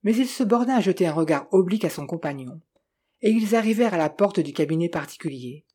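A narrator reading a novel aloud in an even, measured way. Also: medium pitch, slightly rough. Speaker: audiobook narrator.

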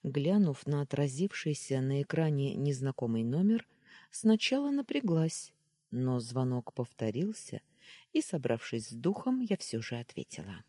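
A woman narrating a novel in the first person with an expressive reading. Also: a bass voice, normal speed, no echo, studio quality. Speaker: audiobook narrator.

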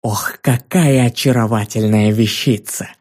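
A man voicing a huge, vain fiery female giant who roars slow threats, in an audiobook reading. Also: lowish voice, steady tone, a little mellow, pitched below the performer's own voice. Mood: greedy.

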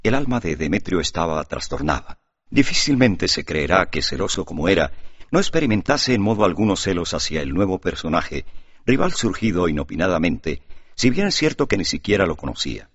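A man narrating an audiobook in expressive scripted storytelling. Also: sits low, brisk, breathy edge, no echo. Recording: dull lo-fi audiobook recording.

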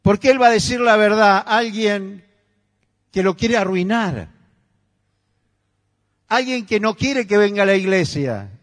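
A male pastor with a Rioplatense Spanish accent delivers an emphatic sermon, his high voice climbing toward near-shouts. The sound carries a long reverb, as if recorded in a large, echoey church hall. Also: animated, measured pace, pauses often.

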